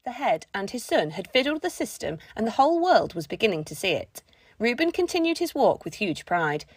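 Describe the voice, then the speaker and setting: A woman narrating a children's book in an expressive storytelling manner. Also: mid-range voice, brisk, breathy edge, no echo. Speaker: audiobook narrator. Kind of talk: scripted narration.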